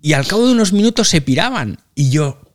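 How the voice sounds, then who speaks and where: A man's voice: sits high, very animated, fairly quick, a little hiss or hum. Chatty self-mocking Spanish man hosting. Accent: Spain Spanish. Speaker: podcast host. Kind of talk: casual live audio chat. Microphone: phone mic.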